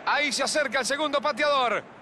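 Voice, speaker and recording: A man playing an excitable video game football commentator, calling goals with drawn-out shouts and rapid repeats over stadium noise. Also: extremely high pitch, full character voice. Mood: excited. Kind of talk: excited goal commentary of a penalty shootout. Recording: clear stadium noise behind.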